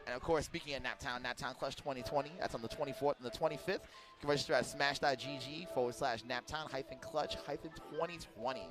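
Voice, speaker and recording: Guy speed-reading shout-outs and event dates on a stream, super quick. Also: medium pitch, music in the background. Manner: brisk, list-like shout-outs. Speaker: stream announcer. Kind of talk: rapid sponsor and event announcements.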